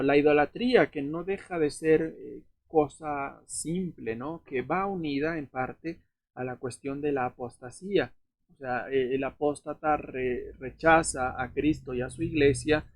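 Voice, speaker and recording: Man, Bible lesson, explanatory, husky voice, fillers and tag questions, dry close sound. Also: medium pitch, dry recording.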